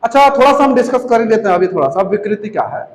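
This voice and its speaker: A man with a very high voice teaches a physics class in a roomy space that echoes. He speaks with a touch, keeps repeating key terms and quizzing students. He calls the students "babu". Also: big pitch swings, quick pace. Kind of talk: classroom lecture. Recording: echoey room.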